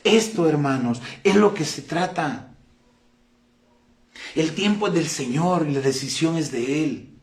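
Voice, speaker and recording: A man's voice: fairly high pitch, measured pace, pauses often, reverberant. A middle-aged man, preaching a sermon emphatically and telling personal stories. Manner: emphatic, storytelling with quoted voices. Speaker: pastor. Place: church hall.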